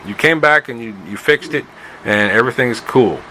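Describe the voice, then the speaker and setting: A man's voice: medium pitch, moderate pace, sharp tone, slight background noise, lightly acted, rough recording. A man voicing a forgiving mother bear in an easygoing, folksy way.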